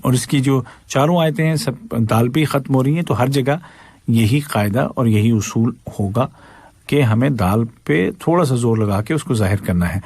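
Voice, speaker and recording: A man teaching Quran recitation, patiently explaining pronunciation rules and demonstrating each verse in a slow, drawn-out chant. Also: mid-range voice, a little mellow, breathy edge, no echo.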